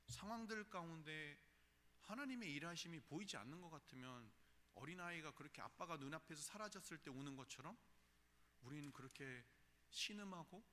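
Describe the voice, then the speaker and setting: A man in his thirties preaching a sermon in a church, earnest, rising loud on key phrases and dropping soft in between. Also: on the high side, a little hiss or hum. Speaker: pastor. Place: church sanctuary. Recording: long reverb of a large hall.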